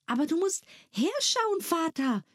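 A woman reading a story aloud, voicing a kind young girl who gently soothes and coaxes. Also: very high-pitched, big pitch swings, a little slow, no room sound, studio quality, voice pushed up, full character voice. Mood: coaxing. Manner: soft, soothing, coaxing.

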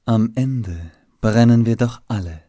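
A man voicing a calm woman seer with a velvety voice, speaking slowly and evenly. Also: mid-range voice, no room sound, studio quality, natural voice. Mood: calm, foreboding. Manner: slow, calm and measured.

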